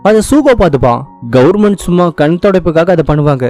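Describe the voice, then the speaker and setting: A high-pitched man retells a drama in a lively storytelling style. He reads out every line of dialogue himself. Faint music plays underneath. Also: fairly quick. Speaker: drama recap narrator.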